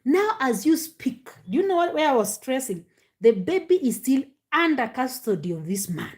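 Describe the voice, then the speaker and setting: A woman, talking casually to her viewers, animated, with many fillers and rhetorical questions. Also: high voice, normal speed. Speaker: commentary host. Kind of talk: casual live commentary to viewers.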